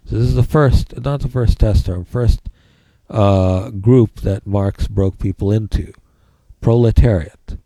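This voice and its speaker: A man's voice: on the low side, measured pace, mellow, dry recording. A man teaching a class, dictating notes by spelling words, calling out punctuation and repeating phrases.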